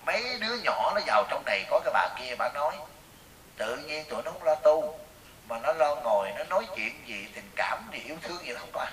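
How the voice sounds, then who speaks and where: A man with a Southern Vietnamese accent, giving a Buddhist sermon as a teacher and telling lively stories that question the audience. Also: on the high side, brisk. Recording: echoey room, voice from far off, faint hiss.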